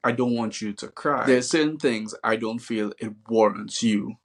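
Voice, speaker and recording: A man from Trinidad and Tobago, a father and host, chatting in a relaxed way and thinking aloud with lots of fillers. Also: mid-range voice, moderate pace. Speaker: podcast host. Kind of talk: casual conversation.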